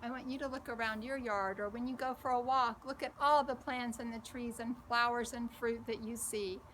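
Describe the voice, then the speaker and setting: Reading a storybook to children, this host speaks in a higher-pitched female voice, slow and full of expression. She poses questions straight to the kids. The recording is low quality, with slight background noise.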